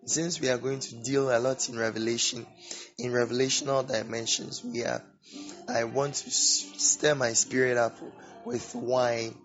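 Man, sore swollen-tonsils voice, mid pitch, halting religious podcast talk, music behind. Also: a bit bright. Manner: halting, apologetic, repeats words. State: sore throat, swollen-sounding voice. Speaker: podcast host. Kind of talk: informal religious teaching podcast. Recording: dull lo-fi audio, music behind. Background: background music.

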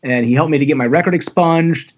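Man, husky voice, chatty and candid, guest storyteller, dull lo-fi audio. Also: on the high side, a little fast. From Baltimore area, USA. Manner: talkative, candid, energetic. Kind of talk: casual storytelling.

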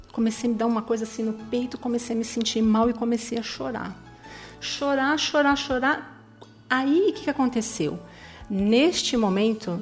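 A woman's voice: on the high side, darkish tone. A woman with a Brazilian Portuguese accent giving an earnest personal faith testimony, often tagging her sentences with a questioning "né?". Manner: earnest storytelling, tags lines with "né?".

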